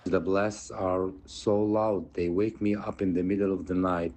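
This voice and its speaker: Disguised, electronically deepened man's voice. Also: flat delivery, a little slow, darkish tone, slight background noise. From Iran. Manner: short plain statements about living under bombing. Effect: voice electronically lowered to disguise identity. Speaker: civilian interviewee. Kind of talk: news interview clip.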